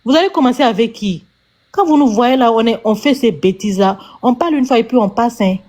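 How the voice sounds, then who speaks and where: A woman's voice: on the high side, lively intonation, a little fast, darkish tone. A woman with a Senegalese accent, scolding viewers emphatically on a live stream panel. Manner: emphatic, lecturing, repeats herself.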